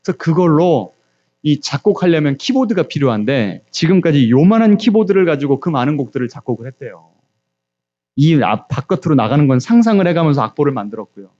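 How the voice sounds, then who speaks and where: A man's voice: on the high side, very animated, fairly quick, mellow, lo-fi sound. A male pastor preaching, telling stories and acting out quoted voices while questioning the congregation. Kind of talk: sermon.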